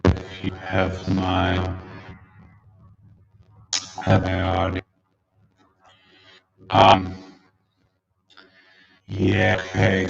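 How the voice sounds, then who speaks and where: A man's voice is slowed down and pulled deep by a stream glitch, dragging along in a flat, gravelly crawl with slurred, garbled words. It comes through a dull, lo-fi call line. The sound is roomy and echoey. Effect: slowed down, deepened audio from a stream glitch.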